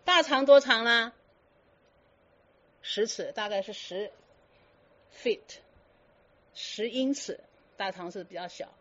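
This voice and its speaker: A woman's voice: a little high, expressive, slow pace, long pauses, a bit bright, muffled recording. A woman giving a Buddhist dharma talk to students, firing teasing rhetorical questions and slipping in English words. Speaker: Buddhist teacher.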